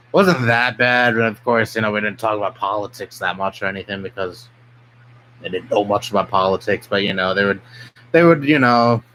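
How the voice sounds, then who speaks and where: A man's voice: on the low side, fairly bright tone, a little hiss or hum, poor audio. A young man from New York City, a streamer ranting bluntly and profanely in casual live-stream chat. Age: young adult.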